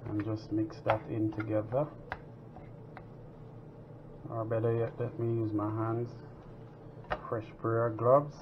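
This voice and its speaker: A man's voice: fairly low pitch, slow pace, long pauses. Man chatting through a home cooking demo. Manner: relaxed, chatty, talks while working. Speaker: home cooking show host. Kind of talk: casual cooking tutorial. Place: home kitchen, indoors. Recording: dull lo-fi sound with kitchen noise.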